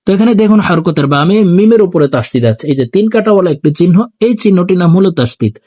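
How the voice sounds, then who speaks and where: Teaching Quran recitation, a man explains pronunciation rules, then recites verses slowly and drawn out so viewers can repeat after him. His voice is high-pitched, animated, and mellow.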